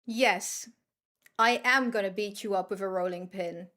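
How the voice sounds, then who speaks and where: A woman from the Netherlands with a Dutch accent chats casually while livestreaming a game, blunt, sweary and teasing. Her voice is medium in pitch, bright and forceful, and she takes her time.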